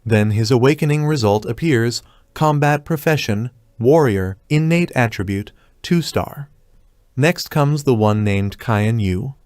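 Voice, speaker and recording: A man narrating a scripted story recap in an even, steady way. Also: mid-range voice, unhurried, no echo, studio quality.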